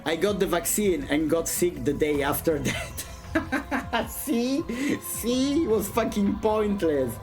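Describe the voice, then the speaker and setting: A streamer whose first language isn't English reads a visual novel aloud with dramatic flair, then chats casually in a jokey, slangy, sweary way between passages. The voice is medium-pitched, animated, and slow, with faint music in the background.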